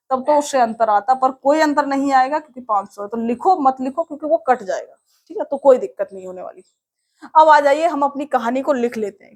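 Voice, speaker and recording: A young woman with a high voice teaches a classroom maths lesson. She walks through each step patiently. She often asks questions and answers them herself. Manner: explains step by step, checks with students, asks and answers her own questions.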